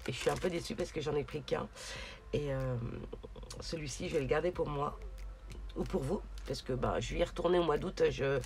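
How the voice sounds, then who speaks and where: A woman with a low, gravelly, slightly mellow voice talks briskly through her craft shopping haul in a casual video, frequently hesitating as she searches for words. The recording carries noticeable noise from crinkling, rustling packaging.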